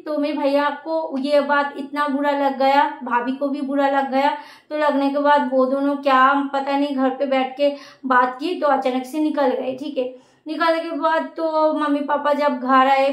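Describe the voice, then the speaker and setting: A woman vlogger telling a family story in a casual, rambling way, with many pauses and restarts. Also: sits high. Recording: echoey room.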